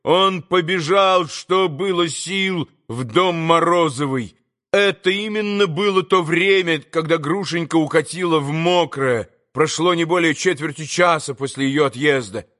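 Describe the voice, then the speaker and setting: A man narrating a classic novel with a measured, expressive delivery. His voice sits slightly high. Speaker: audiobook narrator.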